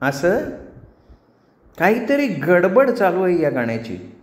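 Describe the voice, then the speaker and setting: A man's voice: high voice, sing-song, slow pace, roomy sound, pitched above the performer's own voice, full character voice. A man voicing a suspicious wife who scolds and questions her husband sharply. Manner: sharp, interrogating.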